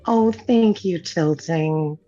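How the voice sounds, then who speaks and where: Warm and lowish, this streamer's voice moves slowly as she games and chats, winding through a rambling story with frequent laughs and restarted sentences. Faint music plays behind her, and the sound is dull, dry, and lo-fi with no room sound.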